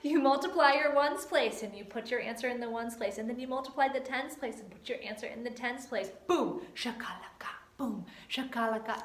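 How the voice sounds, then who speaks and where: A woman's voice: on the high side, fairly bright tone. A woman teacher giving a recorded homework lesson, chatty and playful with silly catchphrases. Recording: echoey room.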